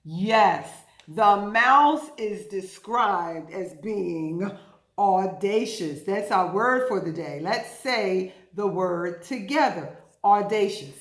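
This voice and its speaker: In an echoey indoor room, a woman with a medium-pitched voice runs an interactive children's storytime and vocabulary lesson. Her intonation swoops with lots of energy, and she speaks slowly and emphatically like a teacher. She repeats words and asks her listeners questions.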